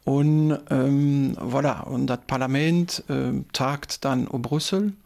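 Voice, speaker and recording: A politician in his thirties from German-speaking Belgium, appearing as a radio show guest, explains things step by step in an East Belgian German dialect, with many hesitation sounds. His medium-pitched voice is creaky and a little mellow, and he speaks slowly.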